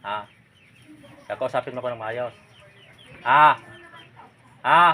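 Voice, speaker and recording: A man acting as a folk healer questions a spirit during a ritual, his voice at an everyday middle pitch. He is commanding and keeps pressing with short demands. The recording is noisy, with roosters crowing behind him. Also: takes it slowly, bright, forceful tone. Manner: commanding, insistent, repeatedly prodding with "ha?".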